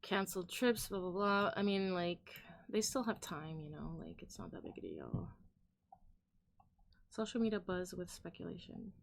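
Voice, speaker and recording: A woman's voice: fairly low pitch, sing-song, normal speed, vocal fry. A woman live streamer casually reacting aloud to the videos she plays and talking back to them.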